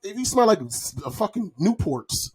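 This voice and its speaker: A high, sing-song male voice comes through at a moderate pace over a little hiss or hum. He's a podcast guest in his forties telling personal stories in casual chat, leaning on slang and profanity and repeating himself.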